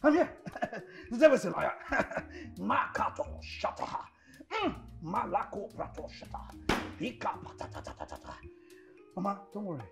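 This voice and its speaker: An actress playing a fervent Nigerian prophetess who prays loudly and speaks in tongues. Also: female voice, mid-range voice, huge pitch swings, unhurried, gravelly, pauses often, music in the background, full character voice. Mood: frenzied. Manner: loud, ecstatic, speaks in tongues. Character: fervent praying prophetess, middle-aged woman.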